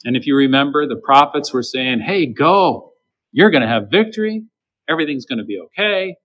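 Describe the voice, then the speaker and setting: A man's voice: mid-range voice, animated, moderate pace, a bit bright, poor audio. A man preaching a sermon, emphatic and acting out the voices of the people he quotes. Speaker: pastor.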